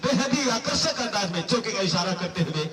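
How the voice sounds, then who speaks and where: A man giving excited, animated cricket commentary over an outdoor public address, with flowery, drawn-out play-by-play calls. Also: sits high. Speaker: cricket match commentator and announcer. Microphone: public address microphone. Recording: echoey PA, distant, noisy outdoor crowd.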